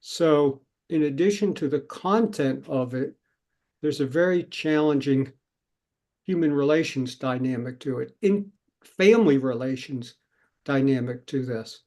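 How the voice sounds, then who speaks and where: A man speaking on a panel in a measured, reflective way. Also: medium pitch, darkish tone. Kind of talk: panel talk.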